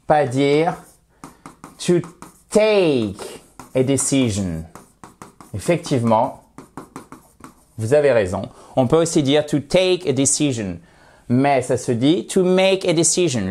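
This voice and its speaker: A man teaching English in French, a lively video lesson where he reads the English example sentences slowly and with stress. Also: mid-range voice.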